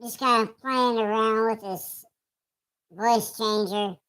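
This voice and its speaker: A man talking through a voice changer that shifts his voice up to a higher, womanlike pitch while he chats with viewers on a livestream. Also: steady tone, takes it slowly, sharp tone, smooth, exaggerated voice. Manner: chatty, greeting viewers. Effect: voice changer raising the voice to a higher, womanlike pitch. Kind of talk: casual livestream chat.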